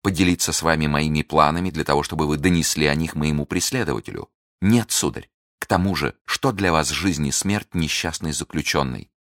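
A man's voice: a bass voice, brisk, fairly bright tone, no room sound, studio quality. A man voicing a desperate, scheming noblewoman in an audiobook reading, pleading and accusing with passion. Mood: bitter pleading. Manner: impassioned, pleading then accusing.

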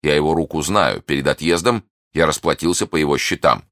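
A reserved musketeer speaks in a deep, quiet and measured way, as a man reading the story puts him on. The voice is grave and unhurried, dry and close to the mic. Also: no echo. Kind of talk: audiobook character voice.

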